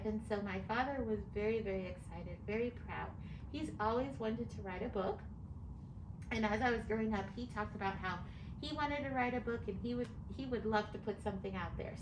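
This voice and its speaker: In a mid-range voice, a middle-aged American author gives articulate, step-by-step explanations in response to interview questions. The recording sounds echoey, with clear noise in the background.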